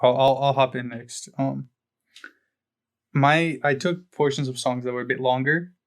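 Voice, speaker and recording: Young dude on a podcast, jokey, curses a lot, mid pitch voice. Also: male voice, fairly even intonation, unhurried. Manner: loose, joking, swears casually. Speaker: podcast co-host. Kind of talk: casual chat.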